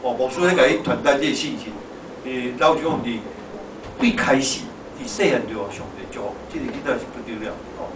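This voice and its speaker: A man's voice: mid-range voice, lively intonation, a little fast. A middle-aged or older male pastor with a Taiwanese Hokkien accent gives an informal, conversational sermon, exhorting and repeating his phrases. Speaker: pastor preaching. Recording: echoey hall, distant mic, noisy background.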